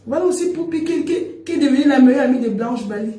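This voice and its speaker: A woman with a Cameroonian French accent dishes gossip to her viewers in a casual, teasing way. She keeps circling back to the same phrases. Her high voice sounds a little distant, caught in an echoey room. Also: fast. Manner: animated, teasing, repeats phrases, laughs often. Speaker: comedian doing a gossip live stream. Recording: roomy sound, voice away from the mic.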